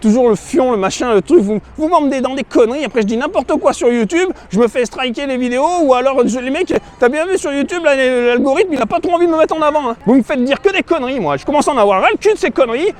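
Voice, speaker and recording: A man's voice: extremely high pitch, expressive, fast, few pauses. A man vlogging outdoors, rambling in a vulgar, mock-insulting, matey monologue to camera. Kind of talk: crude joking monologue to camera.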